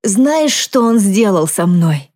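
A woman voicing a drunk, distraught mother who slurs and lurches between mumbling and shouting, in an audiobook reading. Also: medium pitch, big pitch swings, slow pace, pitched above the performer's own voice. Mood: hysterical.

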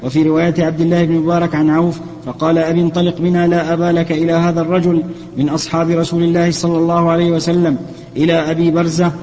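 Guy reading old text out loud in class, kinda high voice, flat steady delivery, muffled old tape in a big echoey hall. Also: racing. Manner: steady, even recitation with small self-corrections. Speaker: student reading the text aloud for the sheikh.

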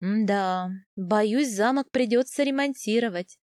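A woman voicing a brisk, wry noble mother in a storybook reading. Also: mid-range voice, a little mellow, no echo, clean studio sound, lightly acted.

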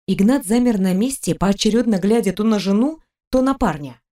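A woman narrating an audiobook in an even, expressive reading voice. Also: mid-range voice, moderate pace. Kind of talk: scripted narration.

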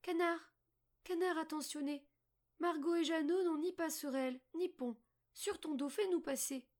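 A woman voicing a gentle, clever young girl who speaks in a high, earnest and pleading voice. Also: steady tone, moderate pace.

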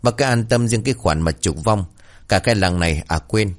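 A man's voice: on the low side, brisk, natural voice. A man voicing a sly young village man who teases and jokes. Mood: teasing. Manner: teasing.

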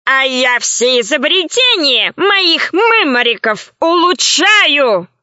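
A woman voicing a brutish, boastful male pirate chief who threatens and brags in drawn-out phrases, in a storybook reading. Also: high voice, big pitch swings, pushed and bright, no room sound, exaggerated voice. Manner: gruff, bragging, drawn-out threats. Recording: slightly dull, dry recording.

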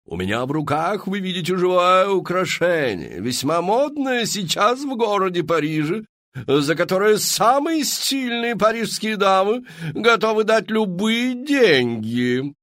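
A man's voice: high voice, sing-song, measured pace, dry recording, studio quality, voice pushed up, heavily acted. A man voicing a pompous, showy female fashion queen who sells to a crowd in a theatrical, grand manner. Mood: grandly selling. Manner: theatrical, grand, rising to loud exclaims.

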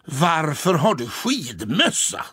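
A man's voice: a little high, wildly swooping pitch, sharp tone, husky, no echo, clean studio sound, exaggerated voice. A man voicing a proud, grumpy male town cat in an audiobook, speaking in a stern, haughty way. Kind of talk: audiobook character voice.

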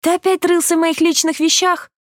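A woman voicing a stubborn, feverish young woman who speaks hoarsely and indignantly. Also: mid-range voice, expressive, moderate pace, dry recording, clean studio sound, natural voice.

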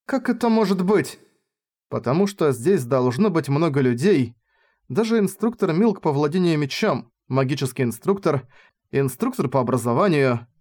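A man's voice: on the high side, a little mellow. A man voicing an earnest, brave young noblewoman trained with the sword, speaking in a raised, girlish register.

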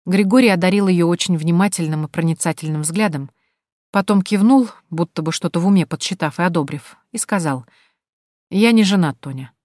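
A woman reading a novel aloud in an even storytelling manner. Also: lowish voice, a little fast, no room sound, studio quality. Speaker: audiobook narrator. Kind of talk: scripted narration.

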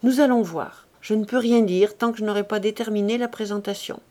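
A woman's voice: medium pitch, steady tone, brisk, warm tone, close to an everyday voice. A woman reading aloud, voicing a stern village midwife who speaks curtly and drily. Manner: curt, dry. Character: small stern village midwife, curt and domineering.

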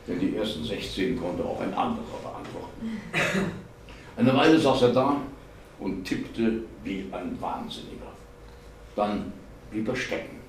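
A man giving a literary reading of a novel at a public event, narrating in a measured, expressive way. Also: lowish voice, a little hiss or hum. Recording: echoey hall, voice far from mic.

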